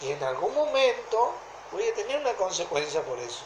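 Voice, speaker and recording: A woman with a Rioplatense Argentine accent preaching a sermon in a deliberate way, often stopping to ask whether listeners follow. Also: mid-range voice, sing-song, slight background noise. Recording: echoey room.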